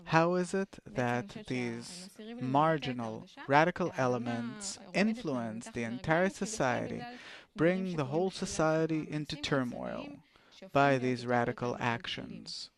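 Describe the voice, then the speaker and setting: A man with a gravelly, creaky voice at a middle pitch. He interviews a guest and presses with puzzled, probing questions. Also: expressive, slow pace, crowd noise.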